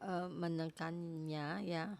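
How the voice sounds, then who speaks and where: A woman preaching a sermon in a halting way, repeating words for emphasis. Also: sits low, little pitch movement, a little mellow.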